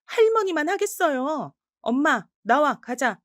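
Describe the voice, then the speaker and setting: Brief: woman voices outspoken teen girl, sharp indignant retorts, raised pitch, dry close sound. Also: sing-song, no room sound. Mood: defiant. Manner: sharp, indignant, quick to argue. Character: bold outspoken teenage granddaughter.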